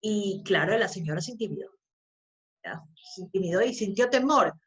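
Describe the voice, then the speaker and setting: A woman's voice: medium pitch, lively intonation, normal speed. A woman teaching a law class, stressing points by repeating them and checking in with tag questions. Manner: emphatic, repeats key phrases, frequent tag questions. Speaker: law lecturer. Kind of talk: lecture.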